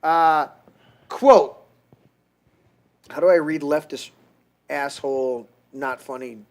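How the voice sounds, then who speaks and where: Middle-aged male podcast host, heated and crude, slightly high voice, casual rant. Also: steady tone, measured pace. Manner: heated, crude, restarts often.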